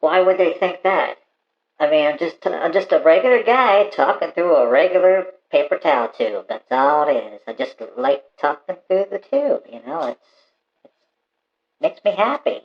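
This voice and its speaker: A man's voice: on the high side, very animated, gravelly, voice pushed up. A man putting on the voice of a touchy male caller who talks through a paper towel tube and hates being talked over. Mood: plain, defensive. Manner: defensive, quickly takes offense. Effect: talking through a paper towel tube. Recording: hollow muffled echo through a cardboard tube.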